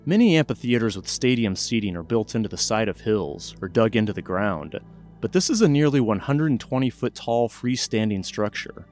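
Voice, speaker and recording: A man narrating a scripted documentary story in a measured true crime narrator manner, speaking straight to the listener. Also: fairly low pitch, lively intonation, darkish tone, soft background music. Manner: measured, addresses listener directly in present tense. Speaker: podcast narrator.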